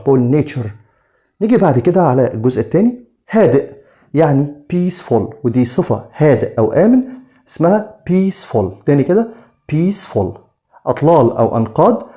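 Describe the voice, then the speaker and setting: A man with an Egyptian Arabic accent gives a vocabulary lesson at a brisk pace. His voice is mellow and dark, and his pitch swings widely as he drills each English word slowly for pupils. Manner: slows down to spell out English words slowly. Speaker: English teacher.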